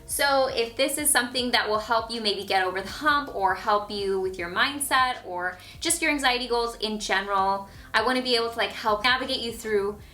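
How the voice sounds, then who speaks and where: A woman's voice: fairly high pitch, moderate pace, hardly any pauses, bright, forceful tone. A young woman vlogger talking casually to camera about books she has read, often saying "like". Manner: chatty, frequent "like" fillers.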